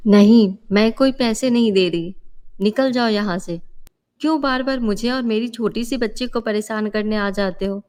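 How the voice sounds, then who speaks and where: A woman's voice: medium pitch, moderate pace, darkish tone, close to an everyday voice. A woman voicing a poor, hardworking mother in a cartoon story, earnest and emphatic. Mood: angry.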